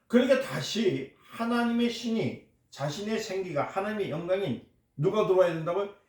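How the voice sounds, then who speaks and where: Emphatic Korean pastor preaching in an echoey hall. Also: male voice, sits high, expressive, normal speed, darkish tone. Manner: emphatic, asks the congregation questions and answers them. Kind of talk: sermon. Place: church hall.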